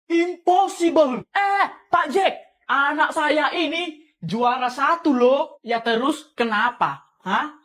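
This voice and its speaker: A woman performing a comic sketch, switching between exaggerated, shouty village characters. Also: sits high. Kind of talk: comic sketch with many voices.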